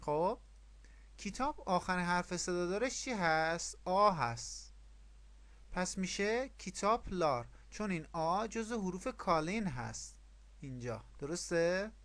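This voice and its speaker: A man's voice: high voice, animated, fairly bright tone. A man teaching a language lesson online, explaining rules step by step, repeating them and asking questions. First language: Persian.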